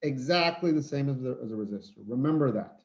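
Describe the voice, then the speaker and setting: A tired man teaching a physics lesson in an informal, halting way, with many fillers and restarts. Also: medium pitch, expressive. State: tired, yawning. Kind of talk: recorded online lecture.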